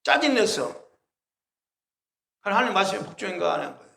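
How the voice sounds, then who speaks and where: A man's voice: sits high, sing-song, fast talker, gravelly, sharp tone. A male pastor preaching a sermon, emphatic and full of rhetorical questions to the congregation. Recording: roomy echo.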